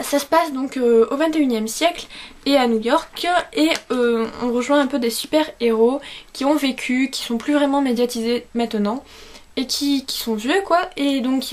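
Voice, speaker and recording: A young woman with a high voice presents books in a casual vlog. She talks informally and emphatically, as if chatting with her viewers, often rephrasing as she goes. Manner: informal, self-correcting, emphatic with repeated intensifiers. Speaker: book vlogger.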